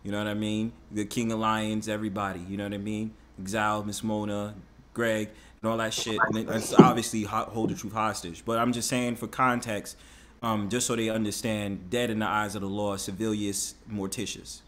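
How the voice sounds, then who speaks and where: A man hosting a livestream discussion, chatting casually and quickly affirming his guests. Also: fairly low pitch, level tone, fairly bright tone. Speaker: livestream host. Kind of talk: casual chat.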